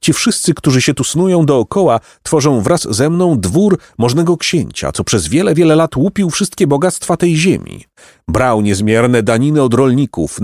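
A man's voice: fairly high pitch, darkish tone, no room sound, studio quality, voice pushed up. A man voicing a tormented old man of gold in an audiobook, speaking in exclaiming, sighing tones and a heated near-whisper. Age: older. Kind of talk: audiobook character reading.

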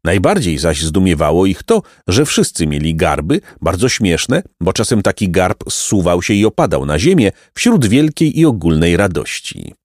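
Brief: male audiobook narrator, very lively intonation, dry close sound. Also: deep voice, dry recording. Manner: expressive storytelling. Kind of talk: audiobook reading of a children's tale.

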